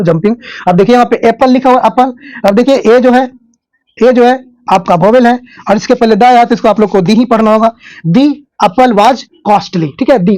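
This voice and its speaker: A very high-pitched man with a Hindi accent, explaining English grammar the way a teacher does. He keeps asking rhetorical questions and answering them, and he draws out his example sentences. The sound is close and dry, with no room echo. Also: a little mellow. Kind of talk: classroom-style grammar lesson.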